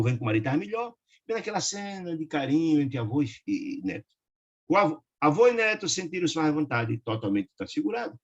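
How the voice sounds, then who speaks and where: A man leading a study group, reading a religious book aloud and breaking off for warm asides. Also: a little high, slightly rough, dull audio. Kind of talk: reading and commenting a spiritist book.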